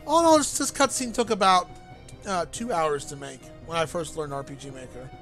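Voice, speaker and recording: A man with a fairly high voice gives a relaxed, joking walkthrough of his own game. Soft game music plays behind him. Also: a little fast. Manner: chatty, jokey, animated. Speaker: streamer and game developer. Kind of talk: casual game commentary. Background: faint game music.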